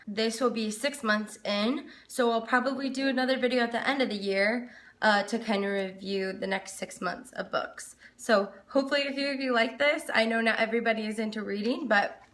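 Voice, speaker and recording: A book reviewer and video host chats to camera in a casual, informal way, rambling a bit. Her voice is on the high side and somewhat bright, and the room she records in is echoey.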